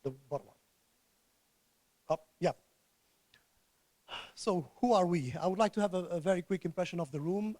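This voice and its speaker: Man, hoarse, fairly high voice, halting restarts, conference talk, dry sound. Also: a little mellow, no room sound. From Portugal. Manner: halting, repeats words as he restarts. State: hoarse, recovering from illness. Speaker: conference speaker. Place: conference room before an audience.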